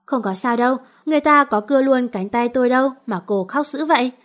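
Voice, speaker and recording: A woman reading the lines of a calm young man who teases dryly. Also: high-pitched, a little fast. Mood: teasing. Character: young man, teasing, calm company director.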